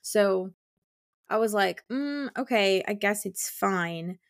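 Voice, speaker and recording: A woman of medium pitch speaks slowly and expressively while co-hosting an informal book podcast. She teaches school and talks effusively, using "like" a lot.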